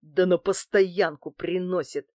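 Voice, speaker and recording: A woman voicing a bald, scarred male street thug who talks rough and crude with a growl, in an audiobook. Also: on the low side, fairly even intonation, a little slow, a little mellow, no room sound, clean studio sound, close to an everyday voice. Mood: gruff. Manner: growling, rude, crude slang. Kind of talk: audiobook character voice.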